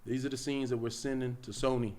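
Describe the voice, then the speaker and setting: A man with a Los Angeles accent, a podcast guest telling an animated story and acting out the quotes. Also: medium pitch, quick pace. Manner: lively, acts out quotes, loud and laughing at the peaks.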